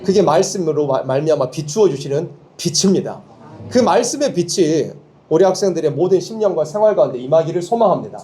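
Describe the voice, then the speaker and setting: A man's voice: fairly high pitch, fairly quick, soft background music. A man preaching to students at a Bible school, asking rhetorical questions and having his listeners repeat lines after him. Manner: leads call-and-response, has listeners repeat lines; lively, emphatic teaching with rhetorical questions. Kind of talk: sermon to students.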